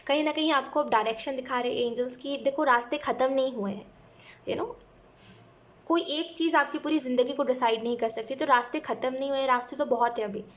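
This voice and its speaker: A woman's voice: sits high, brisk. A young woman giving a chatty tarot reading, talking casually and often asking "है ना" and adding "you know". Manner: chatty, mixes English phrases, repeats "है ना" and "you know". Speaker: tarot reader.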